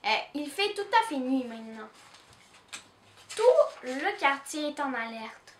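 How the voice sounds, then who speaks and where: A woman from Canada reading a children's storybook aloud in an expressive way, recorded with a roomy echo from a distant mic. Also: sits high, unhurried, slight background noise. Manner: expressive, with small restarts. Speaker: children's book reader.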